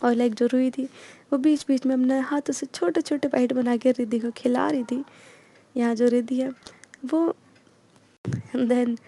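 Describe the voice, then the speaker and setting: Gravelly woman telling a story. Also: sits high, steady tone, unhurried, long pauses, warm tone. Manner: mixes English fillers into narration. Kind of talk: casual audio story narration.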